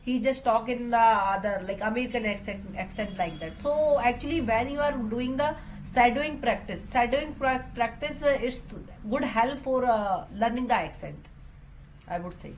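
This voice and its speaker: A woman's voice: on the high side, moderate pace, a little hiss or hum, rough recording. Hesitant Indian-accented woman host. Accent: Indian English. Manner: hesitant, many "uh" and "like" fillers, addresses him as sir. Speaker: host, English learning channel. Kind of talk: casual conversation.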